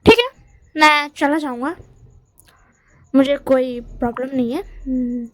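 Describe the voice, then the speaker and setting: A woman's voice: high voice, measured pace, a bit bright. A woman voicing a blunt, hot-tempered young man who threatens to fight, mixing English words into his talk. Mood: defiant.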